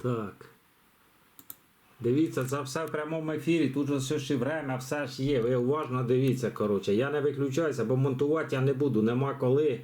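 A man's voice: medium pitch, a little fast, a little mellow. A man hosting a live giveaway on his channel, talking in a rambling, chatty way many fillers and restarts. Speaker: channel host running a giveaway. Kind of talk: casual live commentary.

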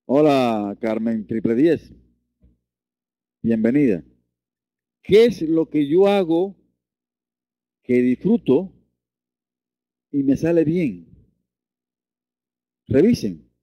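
A man's voice: lively intonation, drawn-out words, long pauses, no room sound, lo-fi sound. A man teaching a Reiki lesson, earnest, often repeating and restarting his words. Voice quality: deep voice. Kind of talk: online lesson.

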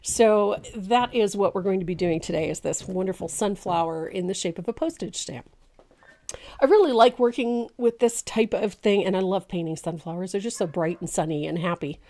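A woman in her sixties with a mid-range, slightly congested and gravelly voice hosts a live painting lesson from her indoor home craft studio. Chatty and warm-hearted, she laughs often and says "um" a lot, speaking into a studio mic on a boom arm.

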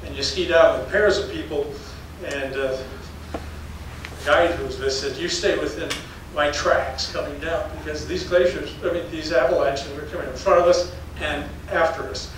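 With a slightly high voice, fairly even intonation, and normal speed, an older man gives a public geology lecture as a professor, telling stories over slides. His style is folksy and anecdotal, with chuckling between stories. The darkened lecture hall holds an audience; the recording is very echoey, distant-miked, faintly noisy.

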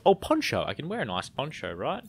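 A young man casually commenting on his own game playthrough, chatty and quick to laugh. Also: mid-range voice, wildly swooping pitch, noisy background. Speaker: gaming channel host. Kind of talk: casual let's-play commentary. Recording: game music underneath.

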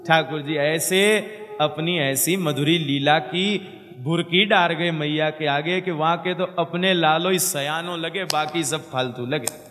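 Animated male devotional storyteller, echoey hall. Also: fairly high pitch, takes it slowly. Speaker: religious storyteller. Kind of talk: devotional scripture discourse. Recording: echoey hall with faint music.

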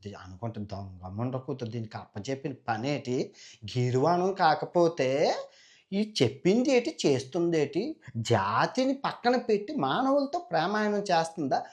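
A man voicing a raging demon king who scolds and shouts insults at his sister. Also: fairly high pitch, big pitch swings, moderate pace. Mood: furious. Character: raging demon king, Hidimbi's older brother.

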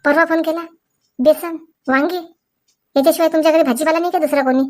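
A woman's voice: high voice, steady tone, quick pace, a little mellow, close to an everyday voice. A woman with a Vidarbha Marathi accent playing an indignant, protective mother of a bride in a comedy skit, making accusations. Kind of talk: comic family skit acting.

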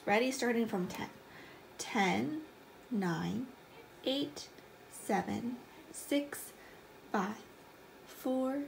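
A woman's voice: on the high side, low-quality recording. A woman in her twenties teaching young children like a kids show host, in simple, encouraging questions. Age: 20s. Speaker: elementary math teacher. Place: small room at home, indoors. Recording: clear background noise, room ambience.

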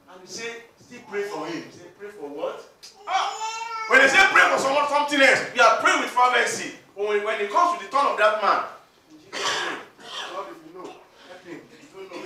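Booming Nigerian preacher in an echoey hall. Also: male voice. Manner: preaching with sudden shouted emphasis and dramatic quoted voices. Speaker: pastor. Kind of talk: sermon. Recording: echoey hall, speaker far from mic.

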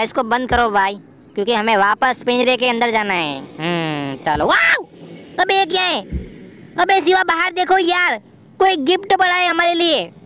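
A man voicing an excitable, jokey young male game hero in a playful gameplay voiceover, full of exclamations. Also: very high-pitched, smooth, full character voice. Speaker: gameplay commentator voicing a character.

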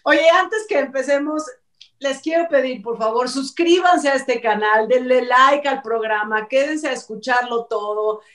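A middle-aged woman with a Mexico City accent hosts a casual panel chat, talking in a chatty, rambling manner. Her voice sits high and a bit bright, slightly slow. She's indoors in a home room on a video call, off the mic, so the sound is roomy and distant.

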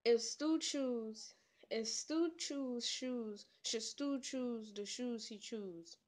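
Slow, playful woman vlogger. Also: on the high side, a little mellow. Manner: playful, trash-talking, laughs at her own slips. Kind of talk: casual tongue twister challenge.

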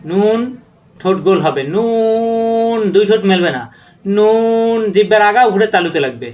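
A man with a noticeably high voice leads a letter-by-letter recitation lesson. He draws each letter name out in a long chant, then drops into short spoken explanations of how to say it. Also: animated, normal speed, darkish tone. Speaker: Quran reading teacher.

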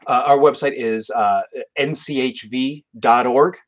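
A man speaking as an advocacy guest, earnest and halting. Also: medium pitch. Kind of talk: interview answer. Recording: dull lo-fi remote audio.

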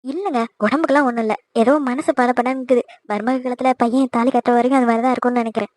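A woman voicing the groom's tender, worried mother in an animated cartoon, speaking softly and politely. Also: on the high side, racing, dry recording, lightly acted. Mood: anxious.

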